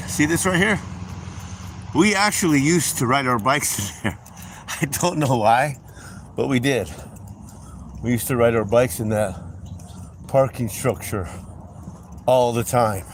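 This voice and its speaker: A man's voice: mid-range voice, measured pace, pauses often. A middle-aged man on a livestream, chatting in a rambling, casual way as he tells stories and points out sights while driving through town. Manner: rambling, chatty, with frequent "anyway" and "um". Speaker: livestream host. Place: in a car on city streets. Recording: street traffic noise. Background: traffic and city ambience.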